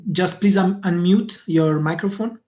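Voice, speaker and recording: A man's voice: sits high, measured pace, a little mellow. A man moderating an online meeting, politely calling on each participant in turn with brief prompts. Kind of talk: calling on participants in a video call. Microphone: video call. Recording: dull lo-fi call audio.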